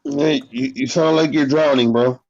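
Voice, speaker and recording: A man's voice: fairly high pitch, huge pitch swings, normal speed, gravelly. A man co-hosting a live sports talk stream. He chats casually and jokes sarcastically while he talks to the viewers in the chat. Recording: dull lo-fi stream audio.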